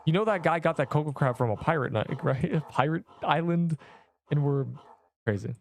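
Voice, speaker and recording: A young man streaming a game, chatting along in a casual, excitable way with gamer slang. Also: fairly high pitch, moderate pace, creaky. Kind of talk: casual livestream commentary.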